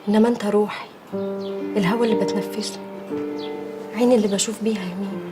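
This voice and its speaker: A sweet young Egyptian bride, voiced by an actress, murmuring quickly and tenderly. Loud music plays beneath her. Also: medium pitch, fairly even intonation, natural voice. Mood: adoring.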